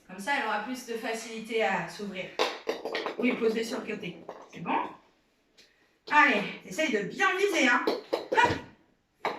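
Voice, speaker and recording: A woman with a high voice talks a child through a home game and explains it to viewers, her tone steadily encouraging. She sounds set back from the mic in a small, very echoey indoor room. A faint noise runs under the recording. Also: animated, a little slow, pauses often, far from the mic. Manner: encouraging, coaching a child along. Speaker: mother demonstrating children's games. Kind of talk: casual how-to demonstration for viewers.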